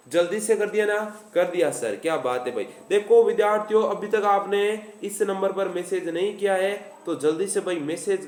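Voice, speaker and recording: A man's voice: sits high, roomy sound. A man with a Rajasthani accent teaching a live online exam-prep class. He repeats his lines and plays out the students' answers himself.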